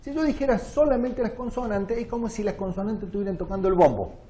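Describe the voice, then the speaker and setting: A man's voice: high voice, quick pace, dark tone. A man with an Argentine accent giving a music lecture, demonstrating examples and often asking the audience questions. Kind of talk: lecture with sung and recited examples. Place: lecture hall.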